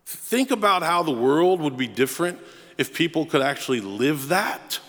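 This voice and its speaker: A male pastor delivering a sermon in a slightly high voice, pressing each point with deliberate repetition. His words ring out with a long reverb, as in a large church sanctuary. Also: very animated, a bit bright. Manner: emphatic, repeats phrases for effect.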